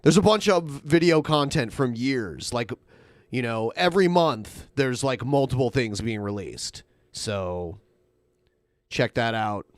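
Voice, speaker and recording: A man with a medium-pitched voice hosts a show. He talks casually and off the cuff, in a close, dry recording. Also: animated, measured pace, dry recording. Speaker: show host.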